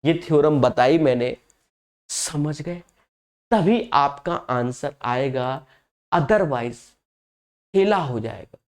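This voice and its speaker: A man's voice: on the high side, animated, slow, long pauses. A man teaching a maths lesson for exam prep with a nasal voice from a cold, chatty, and calling his students his friends. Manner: chatty, calls students "my friend", slips into English phrases. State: has a cold and fever.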